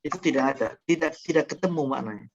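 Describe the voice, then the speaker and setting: A man's voice: on the high side, fast, slight background noise. A male university lecturer giving a classroom lecture, explaining through examples with frequent fillers and restarts. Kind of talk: classroom lecture on Quran interpretation. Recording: dull lo-fi classroom recording.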